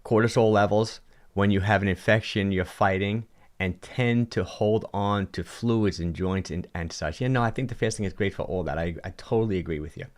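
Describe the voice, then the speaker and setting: Rich, a fitness coach in his sixties, hosts a casual livestream from his home studio, which glows with colored lights, speaking in a low, deep voice into a large studio mic on a boom in front of him. He talks at a normal speed, animated and gesturing as he reads viewer comments, often restarting and repeating words while answering their questions.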